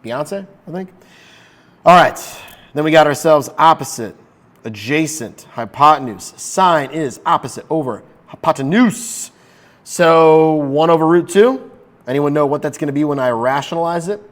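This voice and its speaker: A man's voice: fairly high pitch, animated, normal speed. A man teaching a math lesson in a casual, upbeat way, talking straight to his viewers. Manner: upbeat, chatty, talks to viewers directly.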